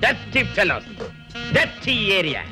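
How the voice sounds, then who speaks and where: A boastful, hot-headed comic tough in a movie, his voice fairly high and swinging up and down wildly as he scolds, swears and jeers. Film music plays clearly behind him. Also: big pitch swings, very slow, exaggerated voice. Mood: gloating. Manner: scolding, swearing, mocking outbursts. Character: boastful comic local tough man, quick-tempered. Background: film score.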